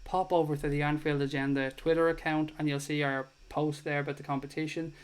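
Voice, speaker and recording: In a clean, level, somewhat high voice, an Irishman in his 30s speaks briskly while hosting an easygoing live football chat. He reads viewers' comments, lets the occasional swear word slip, and thanks everyone warmly in his chatty way.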